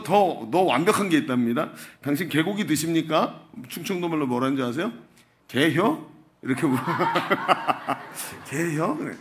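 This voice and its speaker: A man's voice: fairly high pitch, a bit bright. A man who is the senior pastor, preaching a sermon and telling jokes along the way. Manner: jokey dialect humor, then earnest preaching.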